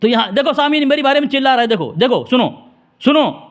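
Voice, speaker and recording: Very high-voiced man in a heated debate. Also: very animated. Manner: combative, talks over interruptions, addresses listeners directly; reads quoted text out slowly.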